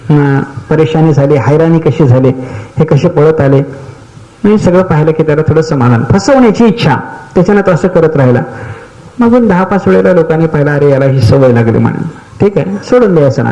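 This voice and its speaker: A man's voice: fairly high pitch, warm tone, poor audio. An older man giving a devotional discourse, explaining terms step by step and telling stories, often asking his listeners if they follow. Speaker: spiritual teacher giving a discourse.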